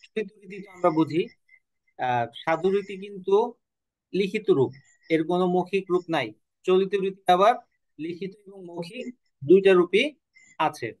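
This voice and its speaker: High-voiced teacher. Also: male voice, normal speed, pauses often, a little mellow, poor audio. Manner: explains by asking questions and answering them himself; corrects himself mid-sentence. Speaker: Bengali teacher. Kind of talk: online class lecture.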